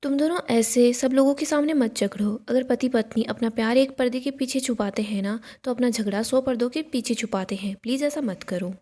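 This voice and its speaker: Gentle mother begging for calm, voiced by a woman narrator, fairly high. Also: fairly quick, hardly any pauses, close to an everyday voice. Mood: pleading. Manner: imploring, soothing, read out plainly. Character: pleading gentle mother, middle-aged woman.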